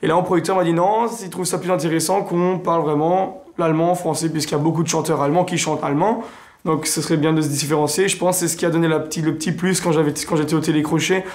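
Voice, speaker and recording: A man's voice: on the high side, fairly even intonation, fast, darkish tone. A young man from Alsace, a singer answering interview questions hesitantly, with many fillers and restarts. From Alsace, France.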